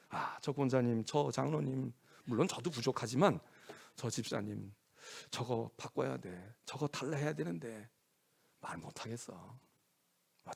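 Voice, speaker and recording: A middle-aged man preaching a sermon in a church, animated, acting out scolding parents in quoted voices. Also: a little high, gravelly, husky. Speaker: pastor.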